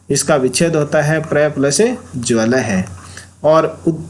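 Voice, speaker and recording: A man with a Hindi accent teaching an exam-prep Sanskrit grammar lesson, explaining slowly and repeating key terms. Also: fairly high pitch, darkish tone.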